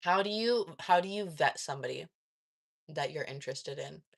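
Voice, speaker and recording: This deep, creaky voice belongs to a woman speaking at normal speed with lively intonation. She runs a casual live stream, reading from chat, pressing for details with follow-ups, and laughing and using fillers a lot.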